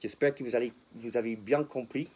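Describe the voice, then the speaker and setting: A man's voice: mid-range voice, fairly even intonation, a little fast, darkish tone, breathy edge. A man vlogging casually to his viewers in French with a non-native accent, speaking passionately, repeating himself and dropping English words in. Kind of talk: casual talk to camera.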